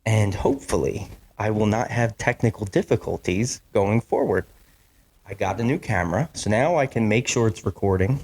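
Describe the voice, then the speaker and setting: Recording his own casual solo podcast on a studio microphone in a home basement studio, this man speaks at normal speed in a lowish, darkish voice with a breathy edge. He's animated and chatty, full of fillers, and keeps apologizing and restarting his sentences.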